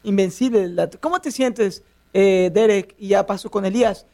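A male radio host with a notably high voice and a gravelly edge. He speaks with upbeat announcer energy from the studio. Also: normal speed, warm tone. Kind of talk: radio interview hosting.

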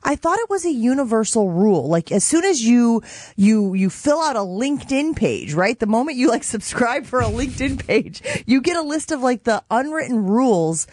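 Woman radio host, lively and laughing, dry close mic. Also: on the high side, normal speed, no room sound. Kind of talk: casual chat.

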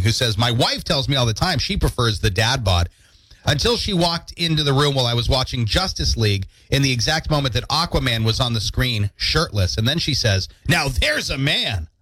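A man's voice: medium pitch, a little fast, no room sound. Guy in his 30s cracking jokes on morning radio, voice bouncing all over, super dry studio sound. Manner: playful, animated storytelling with jokes. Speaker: radio show co-host. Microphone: studio mic.

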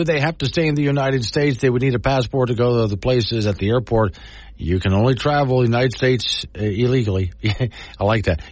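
Lively talk radio host, husky voice. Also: male voice, mid-range voice, dry recording. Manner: conversational, reads listener messages aloud. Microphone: studio mic.

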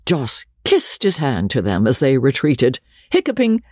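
Guy reading an old novel out loud, voice leaps all over, husky and a bit gravelly, dry close sound. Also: medium pitch, sing-song, a little slow, no room sound. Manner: dramatic, swooping delivery with many character voices. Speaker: audiobook narrator. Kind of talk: expressive literary narration.

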